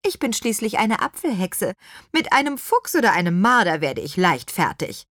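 A woman voicing a kind, caring witch who reassures her hens in a gentle, lively way. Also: medium pitch, moderate pace, no room sound, clean studio sound. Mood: reassuring.

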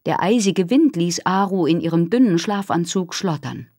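A woman narrating a children's novel in an expressive storytelling manner. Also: lowish voice, moderate pace, dry recording, studio quality. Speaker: audiobook narrator. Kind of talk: scripted narration.

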